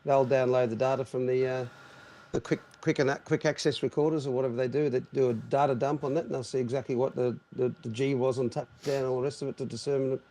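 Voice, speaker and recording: A man's voice: medium pitch, fairly even intonation, quick pace, mellow, a little hiss or hum. A man, a jet-lagged airline pilot, explaining things at length in casual chat with many restarts. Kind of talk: casual chat on a live stream.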